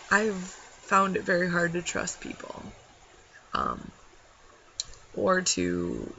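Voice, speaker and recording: A young woman speaks openly to the camera, rambling and heartfelt with lots of fillers. Her voice is bright with a gravelly fry at the ends of phrases. The audio is dull and lo-fi with a faint hiss behind her. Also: medium pitch. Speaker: vlogger. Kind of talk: personal talk to camera.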